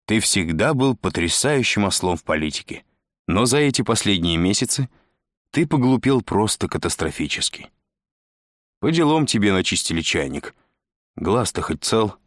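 A man doing a restless, mocking man who hisses and splutters through his lines. The voice rides above a deep natural register, the recording dry and close with no room sound. Part of an audiobook reading. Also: sing-song, normal speed, no room sound. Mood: sardonic. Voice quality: hissing, spluttering. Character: agitated sardonic man, hissing and spluttering.

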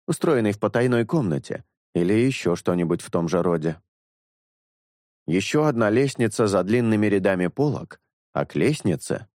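A man reading a novel aloud as narrator, in a measured storytelling manner that slows for dramatic phrases. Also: lowish voice, darkish tone, no room sound, clean studio sound. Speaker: audiobook narrator. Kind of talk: scripted literary narration.

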